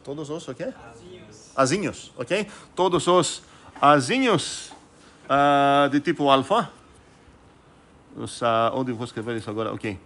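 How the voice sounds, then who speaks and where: Guy teaching math, mid pitch, lots of ums and restarts, asks the class questions as he goes. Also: a little slow, long pauses, a bit bright. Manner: thinks aloud, many fillers and self-corrections; asks students rhetorical questions. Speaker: math lecturer. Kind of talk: recorded whiteboard lecture.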